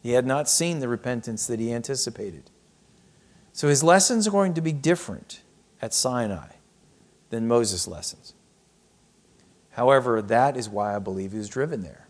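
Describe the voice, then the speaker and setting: A male pastor with a mid-range, expressive voice preaches a sermon at a moderate pace, pausing often. He reads scripture aloud and then reflects on it through rhetorical questions.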